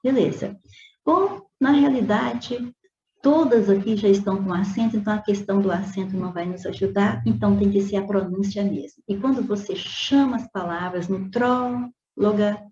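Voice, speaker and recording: Woman teacher reviewing exam items, mellow voice, drawn-out examples, echoey lo-fi room. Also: mid-range voice. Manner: explanatory, stretches out example words slowly; checks in with "né?" and "tá vendo?". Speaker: Portuguese teacher. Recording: roomy, dull lo-fi with faint noise.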